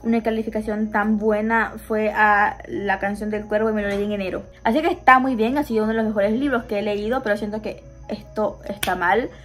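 A young woman reviewing a fantasy novel in a casual vlog, gushing and expressive with sarcastic asides. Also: mid-range voice, a little fast, hardly any pauses, faint music behind. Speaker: book vlogger.

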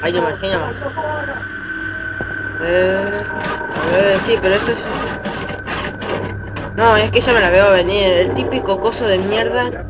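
A man's voice: sits high, unhurried, pauses often, very noisy. A man with an Argentine accent doing jittery horror game commentary, swearing a lot. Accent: Argentine Spanish. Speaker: gaming YouTuber.

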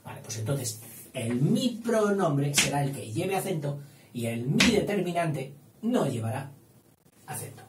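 A man's voice: on the high side, very animated. Man dictating, roomy echo. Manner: slow, spelling out words, playful asides. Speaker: teacher. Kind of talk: dictation lesson. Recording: echoey room, distant mic, faint hiss.

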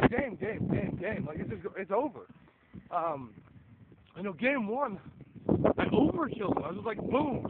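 His voice sits high, and this tired young vlogger is losing it as he rambles through a casual vlog, heavy on fillers and easy swearing. He walks a windy suburban road with the phone at arm's length, talking through an earphone mic. Sound quality is tinny and phone-like, with wind audible.

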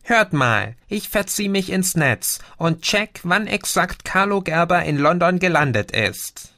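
A man's voice: sits high, big pitch swings, pushed and bright, dry recording, studio quality, voice pushed up, full character voice. A man reading an audiobook, voicing an impatient being who travels through the power lines. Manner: impatient, brisk.

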